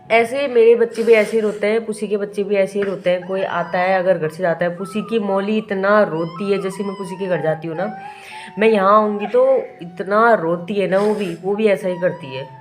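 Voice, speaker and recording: A woman's voice: mid-range voice, steady tone, normal speed, soft background music. A young woman chatting casually at home while her child cries, fondly scolding the child now and then, with a headache. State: has a bad headache. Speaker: vlogger, mother. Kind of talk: casual home vlog chat. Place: home, indoors.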